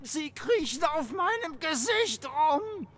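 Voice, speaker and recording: An older male prisoner in a video game, terrified and pleading. His very high voice swings widely as he stammers, drawing words out slowly. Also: big pitch swings, a bit bright, full character voice. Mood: panicked. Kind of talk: dramatic game voice acting.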